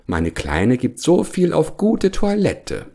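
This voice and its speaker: A man's voice: a little high, wildly swooping pitch, slow pace, gravelly, warm tone, voice pushed up, exaggerated voice. A man voicing a vain, lazy male collar bear who grumbles and fusses over his collar, in a children's storybook reading. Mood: fussy.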